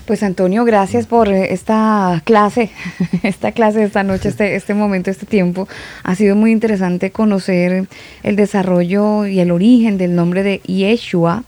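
A woman's voice: mid-range voice, fairly even intonation, unhurried, a little mellow. A woman hosts a casual online talk show. She keeps things light and playful, often laughing between remarks. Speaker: host. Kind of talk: casual chat.

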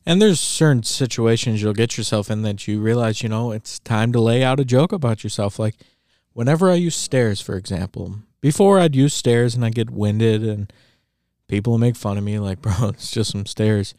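A man's voice: mid-range voice, lively intonation, normal speed, a little mellow, no room sound, clean studio sound. A young man co-hosting a podcast, joking about himself in casual chat. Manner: joking, self-deprecating. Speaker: podcast co-host.

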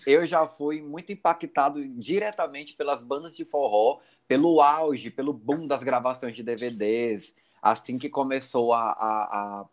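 Measured man chatting. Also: mid-range voice. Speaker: podcast co-host. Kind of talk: casual chat.

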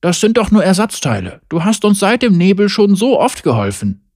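A storybook narrator voicing a kind, weary middle-aged male shopkeeper who talks gently, in a dry, close recording. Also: mid-range voice, sing-song, normal speed, dry recording, pitched above the performer's own voice. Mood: gentle.

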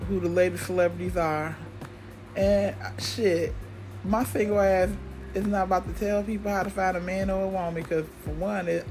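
A woman's voice: lowish voice, rough recording. Blunt American woman rambling over music. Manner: blunt, freely profane, cynical. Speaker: podcast host. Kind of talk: casual solo rambling monologue.

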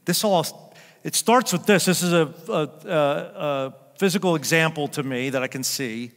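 Older man, pastor, preaching a sermon, conversational then emphatic, slightly high voice, long church reverb. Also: normal speed. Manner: conversational, joking with the congregation, builds to loud emphatic peaks. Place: church sanctuary.

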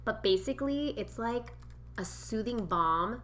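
A woman's voice: a little high, expressive, measured pace, fairly bright tone, a little hiss or hum. A woman co-hosting a casual chat, upbeat, explaining beauty products. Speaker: podcast co-host. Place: home kitchen.

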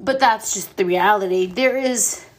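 A woman's voice: medium pitch, unhurried. A middle-aged woman speaking openly about grief, blunt and mouthy, swearing freely, emotional and at times short of breath. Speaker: podcast host. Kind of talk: personal grief monologue.

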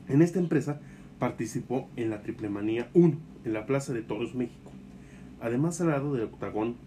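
A man's voice: medium pitch, dark tone, a little hiss or hum. A man with a Mexican accent hosting a lucha libre show, reading scripted narration in the manner of a wrestling announcer.

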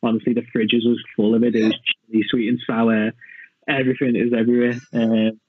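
A man's voice: mid-range voice, little pitch movement, brisk, slight background noise. A man chatting casually as a guest about his fitness journey, self-mocking and full of fillers. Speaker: podcast guest, personal training client. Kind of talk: casual chat. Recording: tinny phone-like line, dry.

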